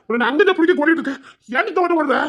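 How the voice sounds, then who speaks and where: A performer voicing a protective young village man who teases his sweetheart and orders her around in a quick, playful way in an audio love drama. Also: very high voice, a bit bright.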